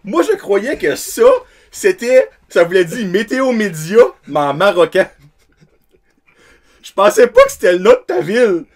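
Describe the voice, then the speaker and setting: Man, podcast host, higher-pitched voice, jokey and self-mocking, casual chat. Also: animated, normal speed. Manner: joking, self-deprecating, chatty.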